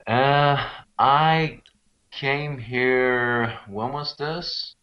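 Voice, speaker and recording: An extremely slow, smooth, mid-range voice belongs to a Swedish man appearing as an interview guest and local Rapa Nui expert. He explains conversationally, frequently asking "you know". The recording has a dull, lo-fi, call-like quality.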